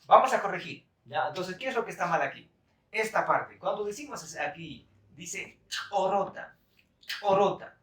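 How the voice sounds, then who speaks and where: A man's voice: sits high, expressive, brisk, sharp tone, roomy sound, distant mic. A man teaching a live-stream language lesson in a chatty, laughing way, reading viewer comments aloud. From Bolivia. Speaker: Quechua teacher.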